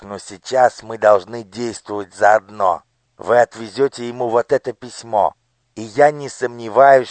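A man voicing a cruel male minister with a squeaky, shrill voice in an audiobook. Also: no room sound, natural voice. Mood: scheming. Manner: menacing, shouting threats. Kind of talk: audiobook character voice.

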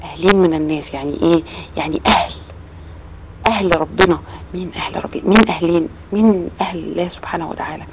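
Egyptian woman, children's teacher; brisk, questioning delivery; noisy recording with clicks. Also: on the low side. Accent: Egyptian Arabic. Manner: explains with many rhetorical questions. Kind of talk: storytelling lesson for children. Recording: loud background noise with clicks.

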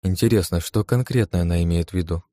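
A man narrating a first-person audiobook in a calm, even storytelling manner. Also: deep voice, fast talker, no echo, clean studio sound.

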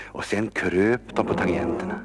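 A man reading a children's story aloud, lively and expressive, sometimes dropping to a whisper. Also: medium pitch. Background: instrumental music.

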